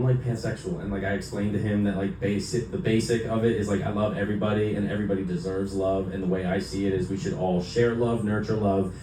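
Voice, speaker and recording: A man's voice: lowish voice, dark tone, slight background noise. A young man performing a stand-up set in a club, loose and rambling, swearing freely and leaning on fillers. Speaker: stand-up comedian. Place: comedy club, indoors. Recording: echoey club from far off.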